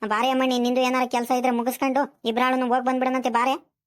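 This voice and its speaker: An eager village neighbor woman in a cartoon, pleading and persistent, as a woman plays her. She talks quickly. Her voice is fairly high. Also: level tone, close to an everyday voice. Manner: persistent, pleading, many drawn-out fillers. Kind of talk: cartoon voice acting.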